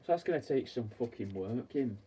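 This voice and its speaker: A man's voice: mid-range voice, lively intonation, brisk, warm tone. A young man, a taxidermist chatting bluntly and rambling while he works, swearing often. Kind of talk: casual chat while working. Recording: distant mic with faint background noise.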